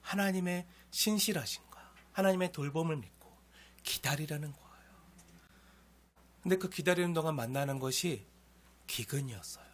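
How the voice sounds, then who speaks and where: A man preaching a sermon as pastor, moving between loud pleading and hushed, near-whispered lines. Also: fairly high pitch, moderate pace, long pauses, slightly rough.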